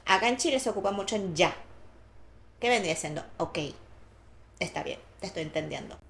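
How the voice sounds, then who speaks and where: A woman's voice: on the low side, expressive, a little fast, creaky, a bit bright. A woman co-hosting a podcast, telling personal anecdotes in casual conversation. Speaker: podcast co-host. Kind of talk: casual chat.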